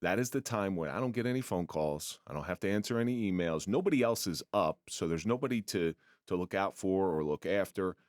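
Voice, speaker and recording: A man's voice: low-pitched, animated, a little fast, hardly any pauses, a little mellow, no echo, clean studio sound. A middle-aged man hosting a podcast interview, chatty and given to restarting his sentences. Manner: talkative, repeats words when starting a thought. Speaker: podcast host. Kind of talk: casual interview chat.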